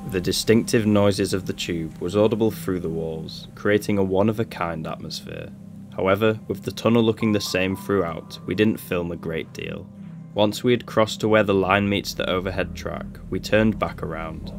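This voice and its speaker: A man with a very low voice tells the story of a night's exploration in a steady, measured voice-over. It is clearly scripted documentary narration. Music runs clearly beneath his words. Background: background music.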